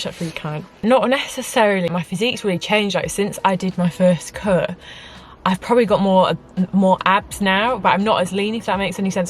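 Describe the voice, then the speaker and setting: A woman in her twenties chatting casually through a Q and A from inside her car, bubbly and full of "like". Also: lowish voice. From United Kingdom. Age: 20s. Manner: chatty, bubbly, peppers talk with "like". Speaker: vlogger. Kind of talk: casual chat, Q and A.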